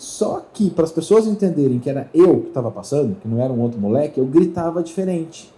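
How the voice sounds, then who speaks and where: A middle-aged man speaks from a trade-fair stage, and his pitch swings up and down as he acts out the voices of others. His voice is very dark and mellow despite its slightly high pitch. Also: quick pace, poor audio. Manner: animated storyteller who acts out voices in dialogue. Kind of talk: storytelling talk to an audience.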